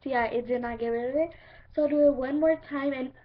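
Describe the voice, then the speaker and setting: A woman's voice: high-pitched, steady tone, brisk. A female host chatting casually and giving step-by-step instructions in a home how-to video. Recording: dull lo-fi home video with faint noise.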